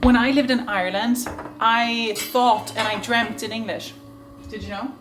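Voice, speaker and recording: Moving between kitchen and living room, a vlogger from Sweden talks casually and playfully, quick to laugh. She speaks at normal speed in a slightly high voice with a steady tone, in an echoey space with gentle guitar music in the background.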